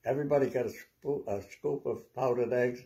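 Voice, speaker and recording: An elderly man in his nineties with a dark, relaxed voice. He speaks as an old veteran remembering his service, telling stories conversationally. His recollection is halting and wanders, with words often repeated. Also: medium pitch. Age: 90s. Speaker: WWII veteran interviewee. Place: small living room at home, seated.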